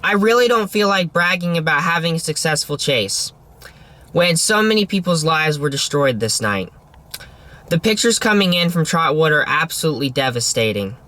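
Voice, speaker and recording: A man's voice: fairly high pitch, animated, normal speed, sharp tone. A man narrating a storm-chasing vlog in an earnest, solemn manner, in the style of a scripted voice-over. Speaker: storm chaser, video host.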